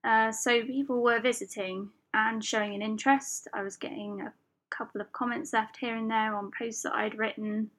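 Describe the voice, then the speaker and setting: Lady hosting a solo podcast, chatty, a bit high voice, ums here and there. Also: level tone, moderate pace, fairly bright tone. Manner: chatty, with fillers and laughs. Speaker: podcast host.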